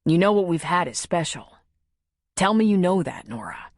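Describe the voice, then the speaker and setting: A woman narrator voicing a lovesick former marine, speaking softly and urgently in a low register. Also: big pitch swings, normal speed, no echo, studio quality. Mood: tender, pleading.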